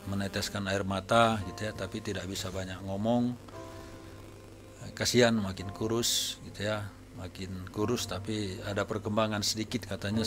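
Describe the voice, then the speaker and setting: A man preaching to his congregation as a pastor, telling anecdotes from his visits in a relaxed, conversational way. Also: lowish voice. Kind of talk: sermon testimony to a congregation. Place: church service.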